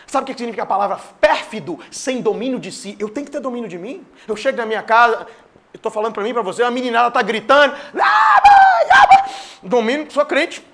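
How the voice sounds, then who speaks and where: A man preaching a sermon in a church with a Brazilian Portuguese accent, swinging between loud declarations and hushed asides. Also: very high voice, fast talker. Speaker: pastor.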